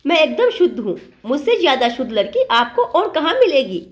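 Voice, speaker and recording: A woman voicing a young, outspoken daughter-in-law who questions and argues calmly in a storybook tale. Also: high-pitched, a little fast. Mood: reasoning. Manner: calm, arguing, questioning.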